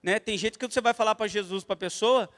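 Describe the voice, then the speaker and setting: A man's voice: sits high, fast, big-room sound. A Brazilian man teaching an evangelism class at church, telling stories and speaking straight to the class. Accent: Brazilian Portuguese. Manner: lively storytelling that addresses the class directly. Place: church hall.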